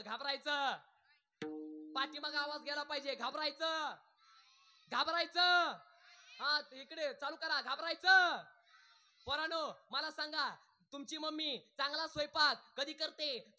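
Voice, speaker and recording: A male kirtan preacher, telling jokey village stories and quizzing his crowd for loud answers. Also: very high-pitched. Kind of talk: humorous devotional kirtan sermon.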